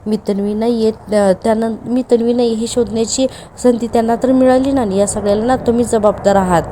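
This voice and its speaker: A woman's voice: fairly high pitch, fairly even intonation, fairly quick, warm tone, a little hiss or hum, close to an everyday voice. A woman voicing a bitter jailed schemer. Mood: accusing. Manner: accusing, quarrelsome.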